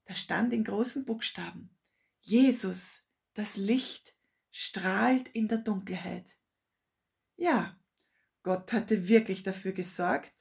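A woman narrating a children's story in a calm, expressive storybook manner. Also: medium pitch, creaky, breathy edge.

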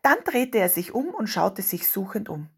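Storyteller, woman, husky and gravelly, steady expressive reading of a children's tale. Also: medium pitch, moderate pace.

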